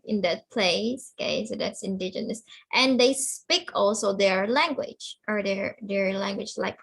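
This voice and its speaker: A woman teaches an English class online, explaining words in simple phrases, repeating herself, and asking questions to check that students follow. Her medium-pitched voice is husky and creaky, with a slightly bright edge.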